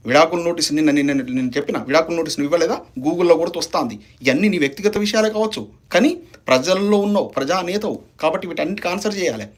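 A man giving a heated political statement, firing off accusations and rhetorical questions. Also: fairly high pitch. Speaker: opposition party leader.

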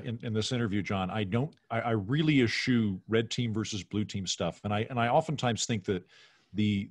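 A middle-aged American man with a fairly low voice appears as a podcast guest over a video call from a room at home, chatting casually and sharing his opinions. There is no room sound.

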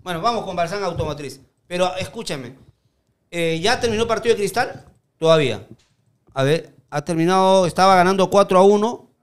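A man's voice: high voice, a little fast. A man hosting a sports talk show, hedging and filling gaps with "o sea" and "este".

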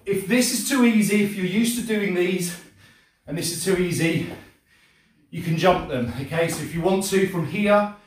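A middle-aged man instructs a live workout class in a slightly high voice. He coaches with short, encouraging commands. The sound is very echoey, picked up from across a hard-walled home gym. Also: moderate pace. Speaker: fitness and martial arts instructor. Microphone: distant camera mic across the room. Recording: echoey room, far from the mic.

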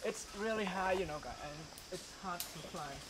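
A young man from Cambodia with a Khmer accent, speaking simple, halting English as he hosts a casual foraging vlog outdoors. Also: high-pitched. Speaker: vlogger. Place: outdoors in a forest. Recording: loud insect noise outdoors. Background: insects and forest ambience.

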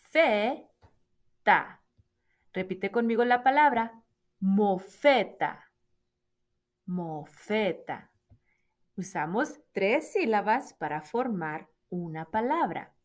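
Woman teacher, children's phonics lesson, very slow, drawn-out syllables, patient. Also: mid-range voice.

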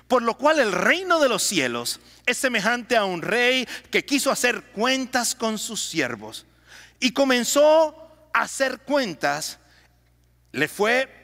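A man's voice: high voice, pushed and bright. A man preaching a sermon as pastor, calling on the congregation to repeat lines after him. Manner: preaching with call-and-response to the congregation. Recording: long hall reverb.

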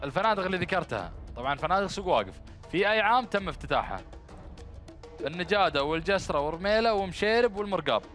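Quick, higher-voiced Gulf Arabic male quiz host. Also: expressive, fairly bright tone, soft background music. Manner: bantering, encouraging callers with blessings. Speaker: game show host. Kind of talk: live TV quiz hosting with phone callers. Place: small studio set dressed as instrument shop. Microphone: headset microphone.

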